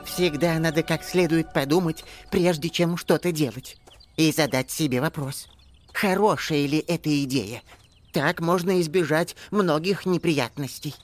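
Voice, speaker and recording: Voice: mid-range voice, faint music behind, close to an everyday voice. A reader voicing a sensible but timid male elf who stammers when scared, in an audiobook. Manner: measured, hesitant, refers to himself by name. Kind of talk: audiobook character voice.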